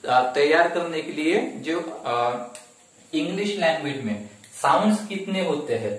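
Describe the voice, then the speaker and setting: A male teacher giving an exam-prep grammar lesson, repeating each point and asking and answering his own questions, often saying "okay". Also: fairly high pitch. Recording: very echoey room, mic far off.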